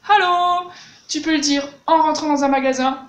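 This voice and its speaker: Woman teacher, high bright voice, echoey room with faint hiss, chatty. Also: little pitch movement, a little fast. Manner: chatty, demonstrates German words with exaggerated pronunciation. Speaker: German language teacher. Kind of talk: casual video lesson.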